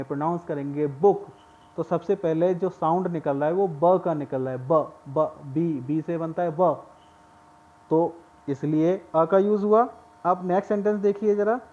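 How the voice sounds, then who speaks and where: Male teacher, slightly high voice, methodical grammar explainer, dull lo-fi sound. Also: dark tone. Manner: explains step by step, often checks with "clear?". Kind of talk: grammar lesson.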